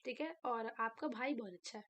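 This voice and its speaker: A young woman teaching a chemistry lecture, animated and asking her own questions before answering them. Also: fairly high pitch, normal speed, highs cut off. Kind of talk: classroom lecture.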